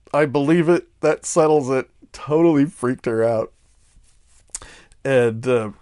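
A man's voice: fairly low pitch, a little mellow, no echo, clean studio sound. A man hosting a podcast, rambling candidly and sardonically, with lots of fillers and laughing at himself. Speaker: podcast host. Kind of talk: casual monologue.

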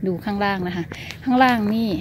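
Here a woman with a mid-range voice talks fairly quickly over a noisy background. She's a vlogger out on a mountain trail, phone camera held at arm's length, giving casual travel narration that's polite, chatty and packed with filler sounds.

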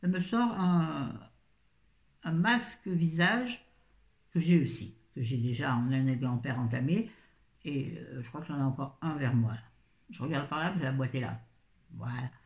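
A woman's voice: extremely low pitch, normal speed. A woman beauty vlogger chatting casually through a product haul, with wry asides and frequent fillers. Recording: echoey room.

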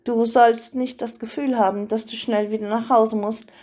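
A woman's voice: fairly high pitch, steady tone, moderate pace, darkish tone, natural voice. A woman reading a tender young male vampire. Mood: gentle.

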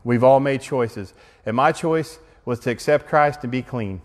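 A man's voice: medium pitch, unhurried. A man pastor giving an earnest, emotional testimony sermon that rises to fervent exhortation. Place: meeting hall. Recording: long reverb of a meeting hall.

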